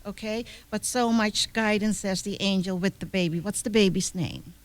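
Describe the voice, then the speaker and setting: A woman from the Netherlands, a Dutch native with a Dutch accent, speaking as a psychic guest in halting, broken English full of fillers in a radio studio. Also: mid-range voice, dry recording. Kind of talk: live radio studio chat.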